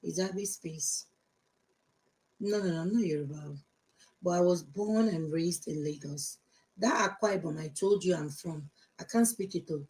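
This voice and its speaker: A woman's voice: fairly low pitch, normal speed, a little mellow, poor audio. A woman in her fifties from Nigeria with a Nigerian accent, chatting outspokenly on a live stream and answering viewer comments, switching between English and Yoruba. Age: 50s.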